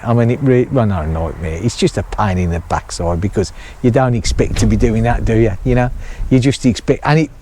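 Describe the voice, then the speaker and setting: Here a middle-aged chalet-building vlogger chats loosely outside, often breaking into laughter as he walks through his build. His voice sits at a medium pitch and sounds warm.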